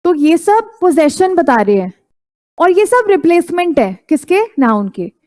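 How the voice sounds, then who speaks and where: A woman with a high voice gives a classroom lecture in a mix of Hindi and English. She fires quick prompts at her students and checks that they are following. She says the key terms over and over so they stick. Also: sing-song, a little mellow. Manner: quizzes students with repeated prompts; repeats key terms for emphasis. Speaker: teacher.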